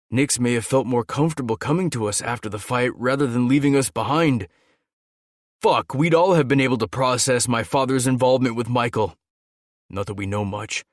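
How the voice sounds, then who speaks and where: A man voicing a young male gargoyle shifter who talks earnestly and urgently, a little higher and louder than his narration. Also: no echo, studio quality, lightly acted.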